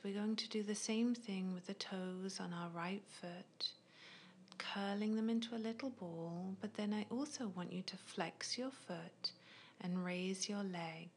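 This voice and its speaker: A woman guiding a progressive muscle relaxation in a soft, unvoiced ASMR whisper, with slow, gentle, soothing instructions. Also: medium pitch, a little hiss or hum. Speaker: relaxation guide.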